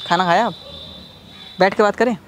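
A man's voice: sits high, moderate pace, a bit bright, a little hiss or hum. A young man hosting a prank vlog outdoors in a park, talking casually and rambling with lots of fillers. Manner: chatty, rambling with many fillers. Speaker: prank vlogger.

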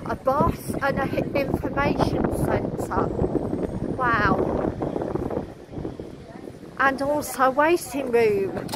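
A woman, chatting slowly as she points out shops on a walking tour, recorded outdoors on a camera mic. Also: high voice. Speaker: vlogger. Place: outdoors on town streets. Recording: loud wind and traffic noise.

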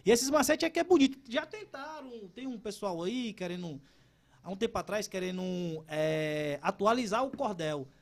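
High-voiced man in his thirties. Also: moderate pace. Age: 30s. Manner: animated, stumbling restarts. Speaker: cordel poet guest. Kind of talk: casual interview talk.

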